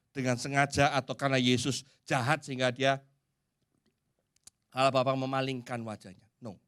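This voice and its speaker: A man with an Indonesian accent preaching a sermon in a church, swinging from loud and emphatic to hushed. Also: mid-range voice, clean tone.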